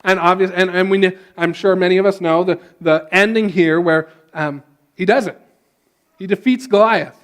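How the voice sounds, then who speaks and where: A male pastor retelling a story in a casual sermon, with frequent restarts and a relaxed way of talking. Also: sits high, moderate pace.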